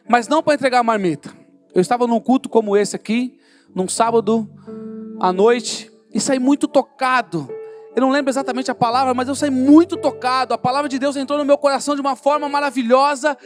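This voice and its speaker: Brazilian male preacher, very high voice, fervent storytelling testimony. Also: steady tone, fairly quick, faint music behind. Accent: Brazilian Portuguese. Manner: storytelling, acting out dialogue, growing fervent. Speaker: preacher giving his testimony. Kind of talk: sermon testimony. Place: church service in a hall.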